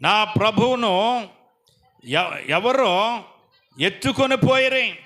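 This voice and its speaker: A man's voice: high-pitched, lively intonation, takes it slowly, sharp tone, full character voice. A man speaking as a grieving woman who begs to know where her lord was taken, in a pleading, tearful way.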